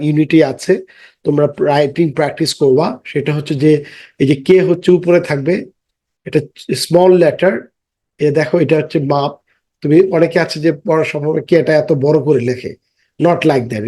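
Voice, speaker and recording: A man teaching children an English lesson. He chants rhymes and sounds slowly, stretches each word and explains patiently. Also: fairly high pitch, mellow. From Bangladesh. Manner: explains patiently, mixing English into his speech.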